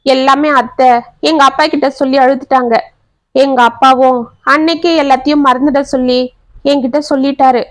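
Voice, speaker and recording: A woman's voice: high voice, fairly even intonation, moderate pace, dry recording, lightly acted. A woman voicing a sorrowful young woman who holds back her grief. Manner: soft, tearful.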